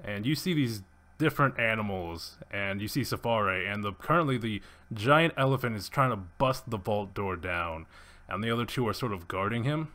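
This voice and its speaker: A man's voice: lowish voice, lively intonation, normal speed, sharp tone. Rambling young man running a game. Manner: rambling, many fillers and restarts. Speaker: game master. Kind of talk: narrating a tabletop game.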